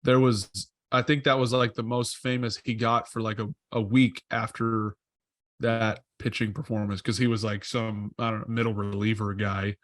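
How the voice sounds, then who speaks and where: A man's voice: lowish voice, level tone, normal speed, no echo, clean studio sound. A man co-hosting a podcast in casual chat, rambling and correcting himself as he thinks aloud. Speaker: podcast co-host.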